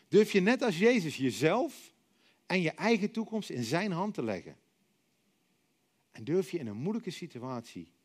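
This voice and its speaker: A middle-aged man preaching a sermon. He tells stories dramatically, acts out other voices, and lets many phrases sink to a soft, quiet finish. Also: fairly high pitch. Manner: dramatic storytelling, acting out voices and dropping to soft, quiet endings.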